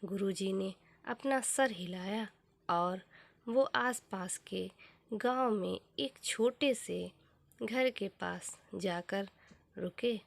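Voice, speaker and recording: A woman narrating a scripted motivational story as a storyteller, in measured, deliberate short phrases. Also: medium pitch, gravelly, no room sound.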